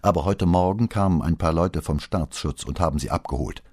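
A man voicing a hoarse, urgent police inspector. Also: low voice, brisk, darkish tone, no echo, clean studio sound, voice pushed up. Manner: urgent, curt. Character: tense middle-aged male police inspector.

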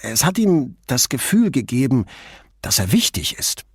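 A man voicing Nino, an excitable middle-aged drinker who talks eagerly and pushes his point. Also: mid-range voice, a little slow, slightly rough, no room sound, studio quality, voice pushed up. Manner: eager, talkative, pushy.

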